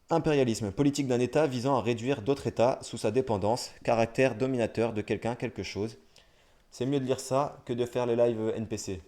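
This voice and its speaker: A young man streaming live, reading dictionary entries aloud at a brisk clip and breaking off for wry, self-mocking asides. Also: medium pitch, dark tone. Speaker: livestreamer.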